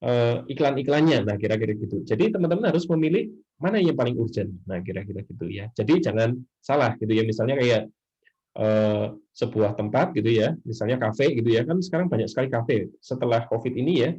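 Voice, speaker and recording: Middle-aged indonesian guy lecturing casually, husky mellow voice, lots of fillers, dull lo-fi sound. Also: mid-range voice, animated, brisk. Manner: chatty, many fillers, often trails off with "nah, seperti itu". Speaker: university lecturer.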